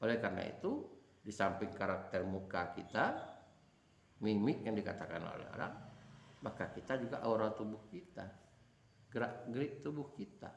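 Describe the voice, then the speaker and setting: A man gives a lesson in a low voice with a gravelly edge. He explains step by step and acts out the same word in different intonations to show the difference. The room around him rings noticeably. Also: lively intonation, moderate pace, long pauses. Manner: explanatory, demonstrates intonation on single words. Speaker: teacher. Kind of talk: lecture on voice and acting practice. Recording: echoey room.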